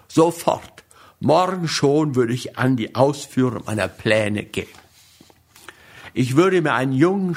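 A man reading a first-person novel aloud in a measured, grave manner. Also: mid-range voice, husky. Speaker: audiobook narrator. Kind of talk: first-person literary narration.

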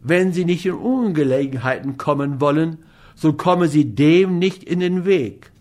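A man's voice: fairly high pitch, measured pace, a little mellow, pitched above the performer's own voice, natural voice. A man reading an audiobook, voicing an eager bystander who gossips and gives advice. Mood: gossipy. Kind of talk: audiobook character voice.

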